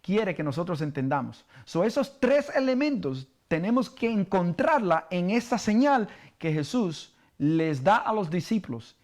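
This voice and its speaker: With a high-pitched, sing-song voice and darkish tone, a man from Cuba leads a bible study sermon in a Cuban Spanish accent. He stops and starts, leans on fillers, and asks his audience questions.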